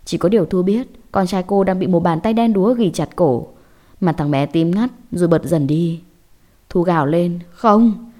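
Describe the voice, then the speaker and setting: A woman telling a scripted horror story in a measured, dramatic way. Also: lowish voice, warm tone.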